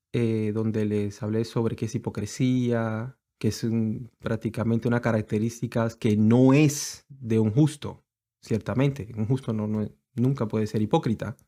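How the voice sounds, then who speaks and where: A man giving a teaching sermon over slides, explaining slowly with many pauses and restarts. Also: mid-range voice, mellow. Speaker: congregation teacher.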